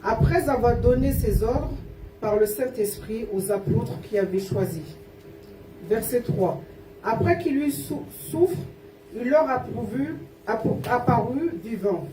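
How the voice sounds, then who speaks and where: Halting woman reading scripture in an echoing room. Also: fairly high pitch, lively intonation, dark tone. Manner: halting, stumbles and corrects herself. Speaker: scripture reader. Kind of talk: reading Bible verses aloud. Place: church service over a sound system. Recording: roomy, distant pickup with faint noise.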